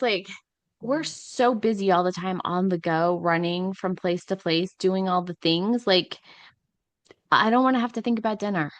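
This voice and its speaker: A middle-aged woman co-hosts a podcast, rambling casually and filling her talk with "like" and "um." Her voice sits in the mid range, and the recording is dry.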